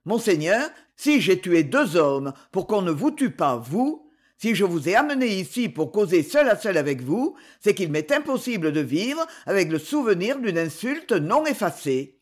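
Raspy male knight, proud and vehement, storybook reading, voiced by the narrator, lively pitch. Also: normal speed. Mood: stern. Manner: solemn, grave, vehement. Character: proud adventurer knight, fierce and wounded in honor.

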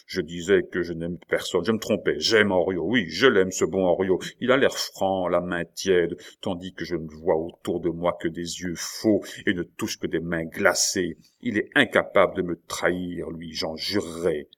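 A feverish young king, bitter and quick to wrath, declaims in a deep, low voice, as a man reads him out. The delivery is agitated and theatrical, pitched like a storybook reading. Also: fairly even intonation, a bit bright. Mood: wrathful.

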